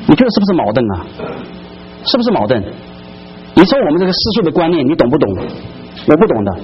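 Animated male preacher, dull lo-fi recording. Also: fairly high pitch, quick pace, slight background noise. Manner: keeps asking listeners rhetorical questions. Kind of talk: sermon to a congregation.

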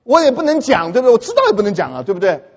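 A man preaching a sermon in a lively storytelling way, with a high, somewhat husky voice. He keeps turning to his listeners with questions. The dull, lo-fi audio carries a long hall reverb. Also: racing. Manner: animated storytelling with questions to the audience. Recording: echoey hall, dull lo-fi sound.

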